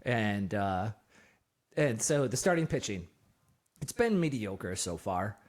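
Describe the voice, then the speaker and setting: A man's voice: fairly low pitch, big pitch swings, slow pace. Rambling man talking baseball casually. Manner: rambling, filler-heavy, laughs often. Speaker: podcast host. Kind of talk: casual chat.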